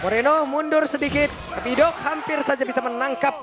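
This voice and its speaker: An Indonesian-accented man casting an esports match as play-by-play, in the excited manner of a fighting game announcer with shouted, drawn-out calls. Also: very high-pitched. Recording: loud game music behind voice. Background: loud music.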